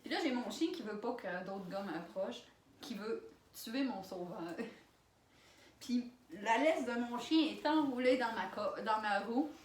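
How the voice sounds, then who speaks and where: This storytime vlog features a young woman from Quebec, alone in a room, telling an anecdote with animation, laughter and loud outbursts. Her voice is on the high side and a little slow. A distant camera mic leaves the audio roomy.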